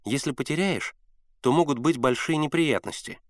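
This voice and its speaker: A man reading aloud, voicing a careful, pedantic teenage boy who answers calmly. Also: medium pitch, no room sound, pitched above the performer's own voice, natural voice. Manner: calm, measured, precise.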